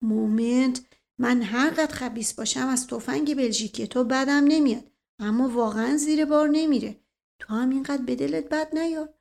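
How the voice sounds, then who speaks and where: A woman's voice: high-pitched, gravelly. A sly teasing prince, as a woman narrator voices him. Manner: teasing, soft and conspiratorial. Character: sly teasing middle-aged prince, playful joker.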